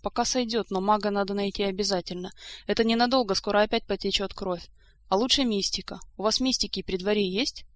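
Woman reading as a calm patient healer guy, practical, storybook voice. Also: medium pitch, brisk, natural voice.

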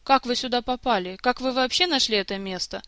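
A man's voice: extremely high pitch, a little fast, bright, forceful tone, clear, resonant tone, no room sound, studio quality, voice pushed up, exaggerated voice. Woman voicing a sobbing sulky prince. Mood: tearful. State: crying, sobbing. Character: tearful, sulky young male prince.

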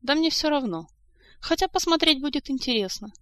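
A woman's voice: high voice, expressive, fairly quick, bright, forceful tone, no echo, studio quality, pitched above the performer's own voice. A woman reading the lines of an indifferent, mocking young court lady who drawls lazily. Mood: drawling. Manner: drawling, lazy.

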